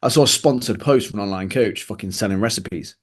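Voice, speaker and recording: A man's voice: lowish voice, fast talker. A man, a fitness coach co-hosting a casual podcast, ranting sarcastically. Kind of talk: casual chat.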